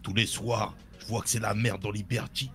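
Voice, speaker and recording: A man's voice: on the low side, fairly even intonation, normal speed, pushed and bright, soft background music. A man voicing a boastful Russian gangster rapper in broken French, with a put-on Russian accent. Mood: mock-proud. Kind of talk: improvised role-play voice.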